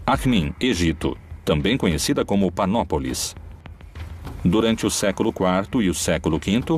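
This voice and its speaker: A man with a Brazilian Portuguese accent giving scripted documentary narration in a measured, solemn way. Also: low-pitched, a little mellow, a little hiss or hum. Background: faint music.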